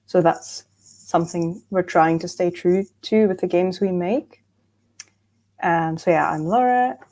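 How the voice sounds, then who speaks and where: A woman from Belgium presents her game studio over a video call. Her voice sits a little low and sounds mellow and warm. She talks in a relaxed, unhurried way with plenty of ums. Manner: relaxed, hesitant with frequent fillers. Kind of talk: casual conference presentation.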